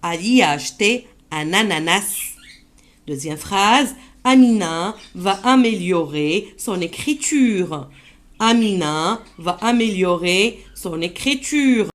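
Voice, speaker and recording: Slow, lively woman teacher. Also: medium pitch. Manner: slow, deliberate repetition of words for learners; switches to quick Moroccan Arabic asides. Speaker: French teacher. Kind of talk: pronunciation lesson for children.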